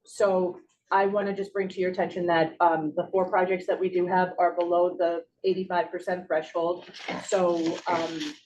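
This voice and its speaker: Woman running the agenda at a board meeting, low-ish voice, hesitant with ums, heard from across the room with faint hiss. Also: level tone, normal speed, darkish tone. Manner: casual, hesitant, many ums and restarts. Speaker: agency staff leading agenda items. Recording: distant mic with faint hiss.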